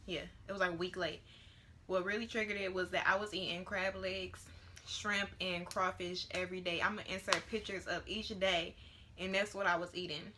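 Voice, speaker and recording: A woman's voice: fairly low pitch, flat delivery, normal speed, bright, forceful tone, slight background noise. A woman in her late teens, vlogging at home to a camera on a tripod and chatting casually with lots of fillers. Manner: chatty and rambling, with many fillers. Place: at home, near her bedroom.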